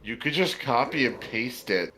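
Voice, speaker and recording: A man chatting with friends, quick to get excited and free with swearing. His voice sits at an average pitch with a faint hiss behind it. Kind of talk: casual chat.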